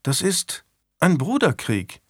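Male reader playing a young, polite squire: earnest, respectful, voice pitched up. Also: big pitch swings, slow, breathy edge, no room sound, clean studio sound, heavily acted. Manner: courteous, worried.

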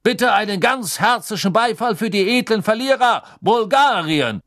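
A man voicing an excitable male stadium announcer in an audiobook, calling out loud and drawn-out. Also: fairly low pitch, gravelly, slightly rough, no room sound, clean studio sound, full character voice. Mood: booming. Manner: loud, stretched, showman announcing.

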